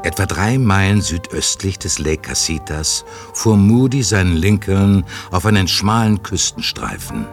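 A man's voice: sits low, gravelly, full character voice. A man narrating a detective mystery audio drama as a scripted storyteller.

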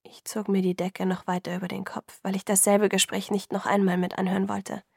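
A woman reading a first-person novel aloud in a steady, even storytelling manner. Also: mid-range voice, brisk, gravelly, husky, no room sound, clean studio sound. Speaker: audiobook reader.

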